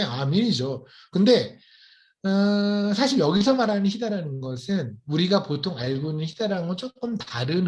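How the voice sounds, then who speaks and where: A man preaching a sermon as a missionary, humorous and lively, acting out quoted voices. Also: on the high side.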